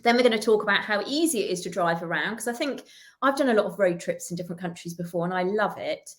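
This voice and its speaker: A woman hosting a casual live interview chat, bubbly and quick to laugh. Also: lowish voice. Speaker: host.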